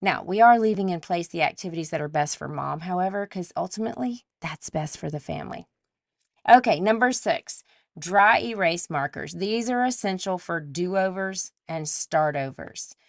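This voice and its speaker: A woman's voice: lowish voice, expressive, moderate pace, gravelly, no echo, studio quality. A woman, hosting a solo podcast and talking through a numbered list with faith asides. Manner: warm list-style reflection with faith asides. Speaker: podcast host. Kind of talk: scripted solo podcast talk.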